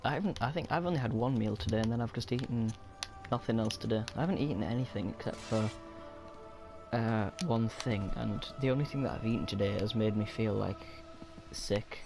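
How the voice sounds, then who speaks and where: A man giving casual, excitable gameplay commentary, swearing often and chatting to himself. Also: lowish voice, fairly quick. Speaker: gaming video creator. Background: game music.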